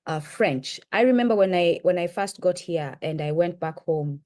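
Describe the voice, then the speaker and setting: A middle-aged Kenyan woman co-hosting a podcast presents in an impassioned, lecture-like way, with a Kenyan accent. Her voice is animated and darkish at a moderate pace, rising emphatically on key points as she keeps checking "right?"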